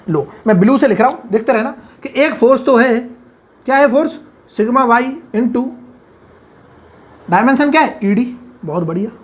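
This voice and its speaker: A man giving a whiteboard engineering lecture. He keeps checking whether everything is clear, repeats key terms and murmurs short asides of praise. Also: extremely high pitch. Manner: keeps asking if it is clear, praises himself with "very good". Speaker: engineering tutor.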